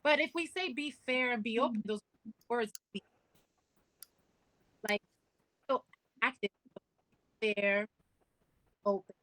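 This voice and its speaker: Woman on a glitchy video call, audio cutting out, dry close sound, short halting bits. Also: on the high side, sharp tone, no room sound, rough recording. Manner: short halting phrases, spelled out slowly. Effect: choppy video call audio breaking up. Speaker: committee member. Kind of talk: meeting discussion.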